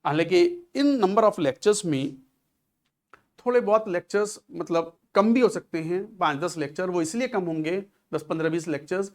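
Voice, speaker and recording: A man's voice: high voice, moderate pace. A male chemistry teacher talking earnestly to exam students, giving coaching advice and slipping English phrases into his Hindi.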